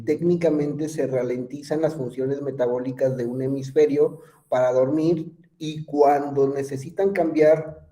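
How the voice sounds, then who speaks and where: A man's voice: mid-range voice, warm tone. A man giving an online psychology lecture, chatty, quizzing his students and using lots of fillers. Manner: conversational, asks students questions, many fillers.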